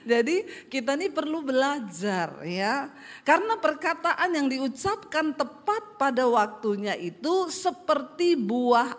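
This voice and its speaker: Woman pastor, Sulawesi accent, high bright voice, animated humorous sermon, long reverb in a church hall. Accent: Sulawesi Indonesian. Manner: animated, humorous storytelling with lively rising intonation.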